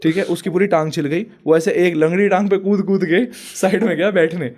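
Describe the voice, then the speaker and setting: A young man telling a story in casual chat, animated and laughing often. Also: high voice, fairly quick. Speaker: podcast guest.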